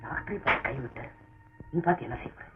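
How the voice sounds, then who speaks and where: An actor playing an angry, sharp-tongued young man confronting a stranger, in an old film soundtrack. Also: fast, muffled recording, faint music behind, natural voice. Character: hot-tempered young man turning away a stranger.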